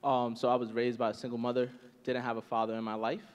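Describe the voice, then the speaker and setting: A man in his twenties telling his life story as a panel guest, earnest and steady with frequent "um"s. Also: medium pitch, fast, clean tone, in a large hall. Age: 20s.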